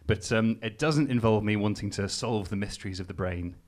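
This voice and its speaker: On a live stage before a laughing audience, a young English man from Newcastle does stand-up in a Geordie accent, his delivery casual, self-mocking and hesitant, full of ums. His voice is fairly low, brisk and a little mellow.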